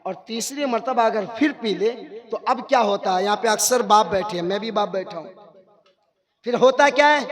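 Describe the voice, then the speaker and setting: Preacher on a stage at a gathering, a high-pitched man shouting his points, crowd audible behind. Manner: rises to loud shouting. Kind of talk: sermon.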